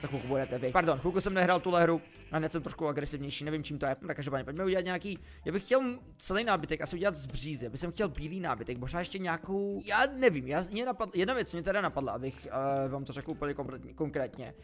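A man's voice: a little high, expressive, hardly any pauses. A young man giving chatty, playful, self-mocking commentary while playing a video game. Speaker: gaming YouTuber. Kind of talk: Minecraft let's play commentary.

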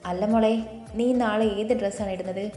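A woman voicing a friendly, brisk elder sister-in-law. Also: medium pitch, fairly even intonation, dark tone, reverberant, soft background music, close to an everyday voice.

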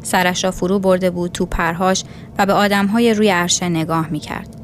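A woman narrating a literary story in a measured reading voice. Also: fairly low pitch, steady tone, a little hiss or hum.

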